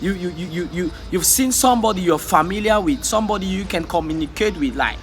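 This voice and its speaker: A man from Africa vlogs an impassioned pep talk in a high, expressive voice at a brisk clip, faint music running behind him. Fervent and repetitive, he exhorts his viewers and stumbles over words when the emotion builds.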